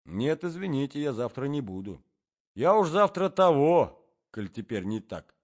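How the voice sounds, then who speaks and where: A man playing a towering gentleman with a husky voice who speaks in a gruff, grumbling way, on a dull lo-fi recording. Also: mid-range voice, sing-song, a little slow.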